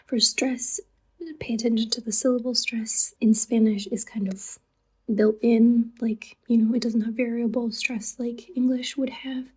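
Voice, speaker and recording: Woman vlogger, soft and husky, mellow tone, slightly high voice, loose chatty delivery. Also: little pitch movement, measured pace, rough recording. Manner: chatty and loose, with casual asides. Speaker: language learner vlogger. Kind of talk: casual chat to camera.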